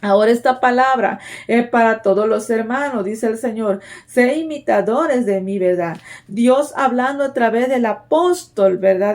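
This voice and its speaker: A woman delivers a sermon to her congregation in a slightly high voice. She speaks earnestly and exhorts her listeners, checking in with them again and again and circling back over her points. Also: darkish tone. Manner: repeats "¿verdad?" and "déjenme decirle" as fillers. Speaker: preacher.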